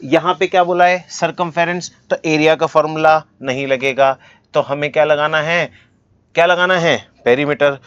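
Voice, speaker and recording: A man teaching maths, solving textbook problems step by step, asking his own questions and answering them in a relaxed, encouraging way. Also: a little high, clear, resonant tone, no echo, dull audio. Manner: relaxed, encouraging, talks straight to students, asks and answers himself; reads formulas and English sums slowly, word by word.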